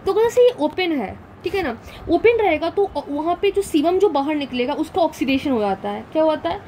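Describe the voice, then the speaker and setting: A woman medical lecturer teaches a class in a high, expressive, darkish voice at a fairly quick pace, mixing Hindi and English. She explains step by step, asks and answers her own questions while drawing diagrams, and often says "theek hai na." The low-quality recording has a little hiss or hum.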